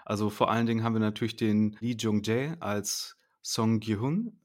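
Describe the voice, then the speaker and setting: This man co-hosts a podcast, reviewing a series in an easy, casual chat with the occasional laugh. His pitch is fairly low and he speaks at a normal speed.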